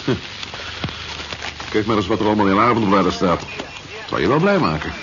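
Matt Meldon, low-voiced restless investigator, noisy recording. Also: male voice, very animated, a little fast. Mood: wry, concerned. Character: restless, plain-spoken male investigator, the general's companion. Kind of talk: 1970s science fiction radio drama acting. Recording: dull, noisy 1970s radio recording.

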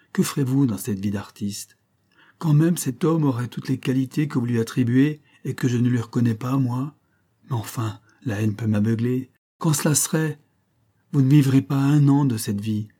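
A man's voice: mid-range voice, mellow, lightly acted. A man reading aloud and voicing a heartbroken young man with impassioned, anguished outbursts.

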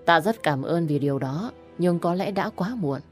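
A woman's voice: on the low side, animated, moderate pace, soft background music, lightly acted. Khánh, a woman voicing a cool young lord. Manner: cool, authoritative. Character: powerful young male clan lord, cool and commanding.

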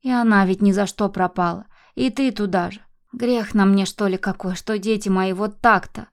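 A woman's voice: mid-range voice, normal speed, a little mellow, close to an everyday voice. A woman voicing an anxious old grandmother who scolds and laments over her granddaughter. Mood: distraught. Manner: agitated, lamenting, exclamatory.

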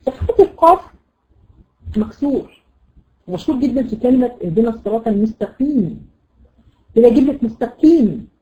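Fast-talking Egyptian woman teacher. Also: fairly high pitch, lively intonation, highs cut off. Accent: Egyptian Arabic. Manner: explains patiently, repeats words, checks understanding with quick questions. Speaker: Quran recitation teacher. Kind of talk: classroom lesson.

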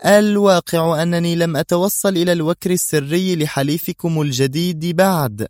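A man's voice: fairly high pitch, brisk, a little mellow, dry recording, clean studio sound, pitched above the performer's own voice, lightly acted. A man doing a mocking female crime boss. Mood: smug. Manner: taunting, laughing, smug. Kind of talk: audiobook character voice.

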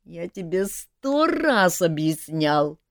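Woman putting on a blunt teasing jester guy, bouncy lively voice, dry. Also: on the high side, unhurried, dry recording, voice pushed up. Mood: exasperated. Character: male royal jester, blunt and exasperated.

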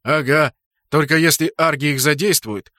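A man's voice: fairly high pitch, steady tone, normal speed, sharp tone, dry recording. Man voicing a brash mocking young gamer, slightly raised voice, dry studio sound. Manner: brash, teasing. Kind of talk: audiobook character voice.

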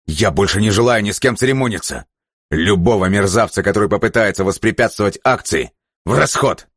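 A man's voice: on the low side, lively intonation, brisk, slightly rough, no room sound, clean studio sound, voice pushed up, heavily acted. A male audiobook narrator voicing a ruthless male commander who barks orders in a rage. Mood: furious. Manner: barking orders, shouting in rage.

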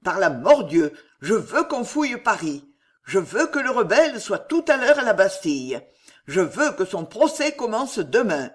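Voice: medium pitch, sing-song, moderate pace, a little mellow, lightly acted. A reader voicing an imperious young king who growls out his commands in an audiobook. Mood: furious.

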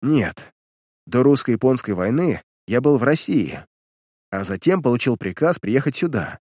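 A man's voice: medium pitch, animated, measured pace, darkish tone, no room sound, clean studio sound. A man reading a terse captured spy. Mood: reluctant. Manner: terse, reluctant answers. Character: captured male spy, proud but broken.

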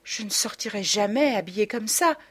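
A woman voicing a shy young country girl who speaks in a subdued, soft voice as part of an audiobook reading. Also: medium pitch, expressive, normal speed, slightly rough, voice pushed up.

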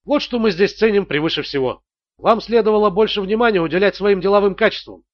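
A man with a high-sitting voice speaks quickly, giving a lightly acted audiobook thriller performance as a menacing, mocking male extortionist. He sounds cool, sneering and coolly menacing, though he bursts into screams at times. The audio is dull and has no echo.

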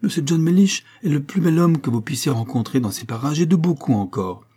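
A man voicing a chatty, blunt young coachman in a French audiobook reading, with a husky tone. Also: mid-range voice, brisk, mellow, close to an everyday voice. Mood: eager.

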